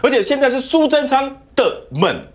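Taiwanese mandarin guy ranting on a tv talk show, high voice swinging all over. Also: moderate pace. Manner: animated, storytelling, mimics others. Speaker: political talk show guest. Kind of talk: heated political commentary. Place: TV studio.

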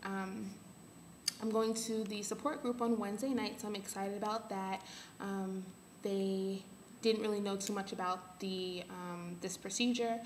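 A young adult woman giving a casual update to camera, halting as she thinks aloud. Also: mid-range voice. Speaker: vlogger. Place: small bare room at home. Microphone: webcam or laptop at arm's length. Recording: echoey room, faint background hiss.

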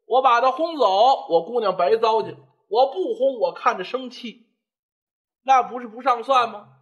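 A male storyteller voicing a stubborn, cautious old father who grumbles in a low voice. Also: normal speed, highs cut off. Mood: wary grumbling.

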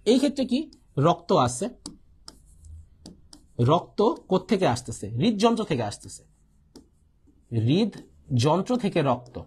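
Man, young, Bangladeshi accent, online biology tutor, animated delivery, repeats himself. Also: high-pitched, measured pace, pauses often, slight background noise. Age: young adult. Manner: repeats key points, asks and answers his own questions, coughs often. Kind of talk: online exam-prep lecture.

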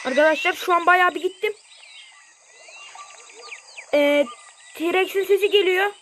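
Very high-voiced excitable gamer guy. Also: unhurried, background noise. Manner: excitable, yelps and shouts at sudden moments, slangy. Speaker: gameplay streamer. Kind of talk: casual gameplay commentary.

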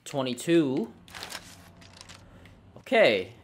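A man giving casual let's play commentary on a game, excitable and cursing, with sudden shouts. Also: medium pitch, very slow. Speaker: gamer.

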